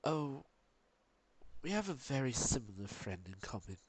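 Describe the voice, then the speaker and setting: A man voicing a calm, slightly sly woman adventurer in improvised tabletop role-play, barely changing his own voice. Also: medium pitch, normal speed, slightly rough. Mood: sly polite. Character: smooth-talking woman adventurer on a secret errand.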